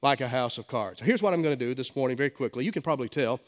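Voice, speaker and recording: A middle-aged pastor fighting a head cold rushes through his sermon very fast, his mid-range voice full of lively intonation. He leans on key words and stammers into restarts, all echoing through a reverberant church sanctuary.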